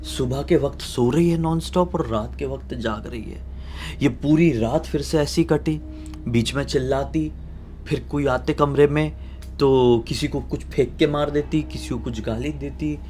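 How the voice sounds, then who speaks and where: A man telling a horror story in a casual, dramatic way, swinging between loud bursts and hushed tones. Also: medium pitch, slight background noise.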